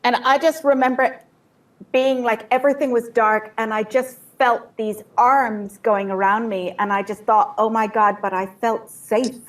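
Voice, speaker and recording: A woman telling a personal story in short, vivid bursts and pausing for an interpreter. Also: a little high, steady tone. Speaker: guest speaker. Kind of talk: personal testimony with live interpreter.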